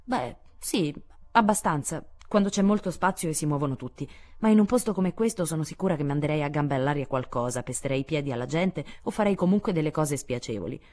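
A woman reading aloud and voicing a lively, outspoken tomboyish teenage girl, speaking in an eager, exclamatory way. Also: sits low, brisk. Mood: chatty.

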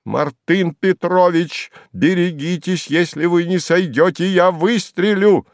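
A man's voice: fairly high pitch, moderate pace, no echo, clean studio sound, voice pushed up, close to an everyday voice. A man voicing a frantic, cowardly young landowner who shrieks and screams.

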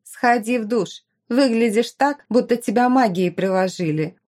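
A woman's voice: a little high, a little slow, darkish tone. A woman voicing a cocky, cheerful young sorceress who teases and mocks her rival. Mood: teasing glee. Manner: teasing, playful. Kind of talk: audiobook character voice.

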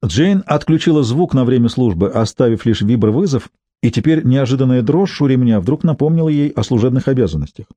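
A man reading a thriller audiobook in scripted narration, measured and even. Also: mid-range voice, no room sound.

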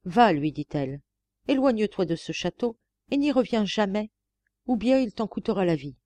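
A woman's voice: medium pitch, expressive, moderate pace, mellow, dry recording, pitched above the performer's own voice, close to an everyday voice. A woman voicing an impassioned sorceress queen. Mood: commanding. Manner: impassioned, theatrical lamenting. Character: passionate, cruel sorceress queen pleading with her lover. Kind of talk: audiobook reading of a classic tale.

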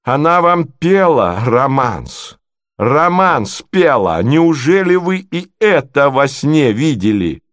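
A man's voice: a little high, big pitch swings, takes it slowly, no room sound, studio quality. A man voicing an indignant, domineering lady who presses with exasperated questions. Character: indignant domineering middle-aged lady, scheming.

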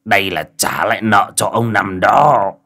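A man voicing a calm, calculating old sage in an audiobook, speaking in a cold, measured, steely way. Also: on the low side, creaky, full character voice.

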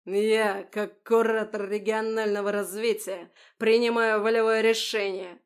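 A woman voicing a drunk, bullying male official who rants and shouts in a grating, hoarse voice. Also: mid-range voice, level tone, a little slow, close to an everyday voice. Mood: shouting. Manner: shouting, ranting, breaking into shrieks.

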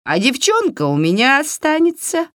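A woman voicing a mocking, cunning old witch in a storybook reading, with a shrill, jeering manner. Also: wildly swooping pitch, normal speed, fairly bright tone, no room sound, clean studio sound, exaggerated voice.

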